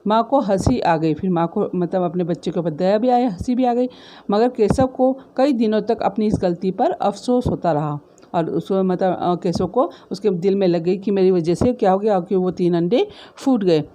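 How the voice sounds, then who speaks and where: A woman teacher walks her class through a story, retelling each line in simpler words and checking in with little tag questions. Her voice is mellow and soft-edged, never sharp, and her pitch sits in an ordinary middle range. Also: normal speed. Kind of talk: explaining a story in a school lesson.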